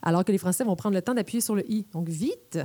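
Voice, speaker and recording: Playful Québécoise woman with a mellow voice. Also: mid-range voice, racing, no room sound. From Quebec. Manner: playful, explains using spoken examples. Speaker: radio columnist. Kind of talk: explanatory radio chat.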